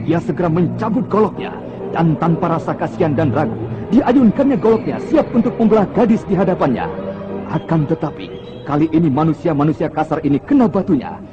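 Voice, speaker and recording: Dramatic old radio serial announcer, animated man. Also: fairly high pitch. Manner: theatrical, rhetorical storytelling delivery. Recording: dull lo-fi vintage radio serial recording. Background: music.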